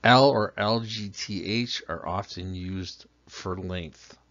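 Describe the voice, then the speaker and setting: Slow and unhurried, a plumbing instructor with a low-pitched, slightly bright voice narrates a slideshow lesson. He explains step by step with patience and asks the listener questions, all in a dull lo-fi voice-over.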